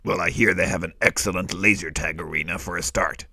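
A man voicing a laid-back, deadpan male wolf who tells jokes. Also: deep voice, brisk, no room sound, exaggerated voice. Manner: dry, deadpan, easygoing.

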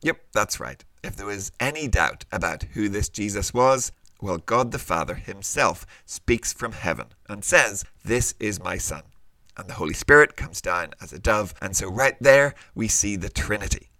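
A man's voice: on the low side, animated, moderate pace, sharp tone, no room sound, low-quality recording. A man presenting a children's podcast like a kids show host, speaking directly to young listeners in a scripted but conversational way.

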